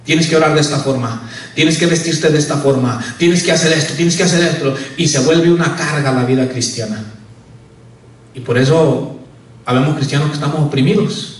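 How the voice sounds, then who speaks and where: High-voiced man preaching in an echoey church. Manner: preaching, rising on key words and dropping low on each "hermano". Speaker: pastor. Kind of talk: sermon. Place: church sanctuary. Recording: very echoey church hall, voice from far off.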